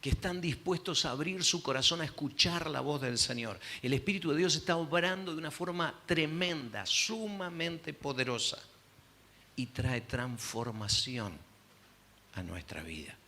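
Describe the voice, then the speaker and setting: A man's voice: a little high, animated, unhurried, bright, forceful tone. A male pastor with an Argentine accent preaching a sermon, telling a story dramatically and acting out the voices. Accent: Argentine Spanish.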